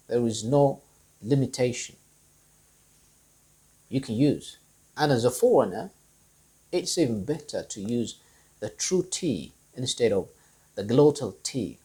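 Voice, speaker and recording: Guy teaching english sounds, kinda husky, repeats the words slow. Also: medium pitch, mellow, low-quality recording. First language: Amharic. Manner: explains slowly and repeats example words. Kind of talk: explanatory lesson.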